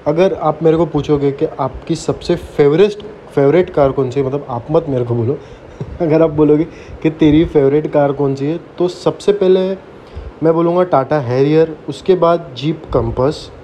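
A man's voice: a little high, normal speed, dark tone, muffled recording. A man, giving a casual, conversational car walkaround and mixing in English words. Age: 20s. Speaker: car review vlogger. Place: outdoor used-car lot. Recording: outdoor background noise, traffic ambience.

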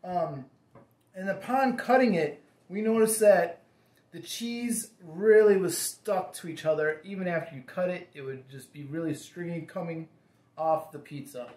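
Man, 40s, casual home pizza review host, relaxed chatty manner, ums and likes, roomy echoey home recording. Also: high-pitched, unhurried. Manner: easygoing, talks to his son, many ums and likes. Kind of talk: casual food review chat. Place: home dining table, indoors.

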